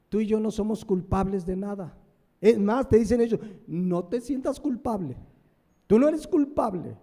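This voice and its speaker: A man's voice: sits high, warm tone, long reverb tail. A man with a Mexican Spanish accent preaching a sermon. He is emphatic and asks questions that he answers himself. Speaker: pastor. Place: church sanctuary.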